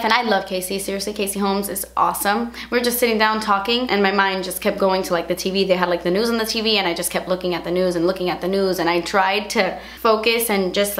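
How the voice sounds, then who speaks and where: A woman's voice: medium pitch, a bit bright. Chatty young woman in a roomy room. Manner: chatty and emotional, heavy use of "like". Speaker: beauty vlogger. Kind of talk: casual chat to camera. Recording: roomy echo.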